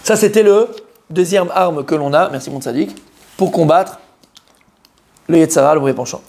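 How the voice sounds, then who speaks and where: A man, a rabbi, giving a Torah lesson to a live group. He talks in an animated, emphatic way, questions his listeners and repeats key words to drive them home. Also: fairly high pitch, moderate pace. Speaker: rabbi teaching a Torah class.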